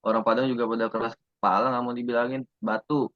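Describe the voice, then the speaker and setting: A young man plays a blunt, prejudiced student in a school skit. He talks fast and slangy, and the sound is dry and slightly muffled. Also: mid-range voice, little pitch movement, no room sound, close to an everyday voice.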